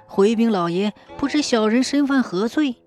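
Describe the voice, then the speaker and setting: A woman voicing a bitter, grumbling old tofu maker in his sixties, gruff and scornful. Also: extremely high pitch, expressive, normal speed, darkish tone, soft background music. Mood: fearful.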